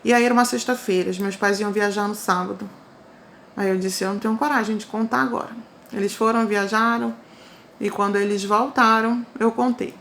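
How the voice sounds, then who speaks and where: A woman with a Brazilian Portuguese accent telling her own life story in a casual, animated way, often repeating phrases for emphasis. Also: medium pitch, fairly quick, a little hiss or hum. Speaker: testimony storyteller.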